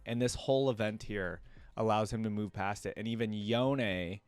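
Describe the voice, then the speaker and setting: This reaction video host and streamer talks at a moderate pace in a smooth, fairly low male voice, with no echo in the recording. He chats informally as he comments, often adding "you know what I mean."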